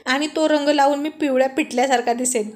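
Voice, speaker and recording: Woman voicing an exasperated young man, complaining, high-pitched, storybook. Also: steady tone, quick pace, natural voice. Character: exasperated young male friend.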